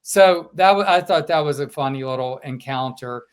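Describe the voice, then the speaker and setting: Storytelling man, slightly high voice. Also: moderate pace, clean tone. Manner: storytelling, quotes fans in lively asides. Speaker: podcast co-host, sports reporter. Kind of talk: casual sports chat.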